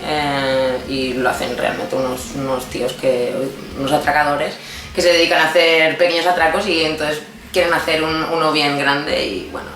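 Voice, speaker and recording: A thirty-year-old woman from Barcelona with a Spain Spanish accent, talking through a casual personal Q&A in a chatty, playful way. She laughs often and fills pauses with hesitations. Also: low voice, flat delivery, fairly bright tone, roomy sound, slight background noise, poor audio. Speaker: guest answering personal questions.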